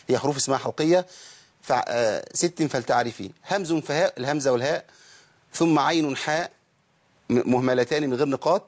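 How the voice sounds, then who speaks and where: Man, egyptian accent, recitation teacher, average pitch, colloquial explaining mixed with melodic chanting. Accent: Egyptian Arabic. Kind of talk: religious lesson, chanting verse text.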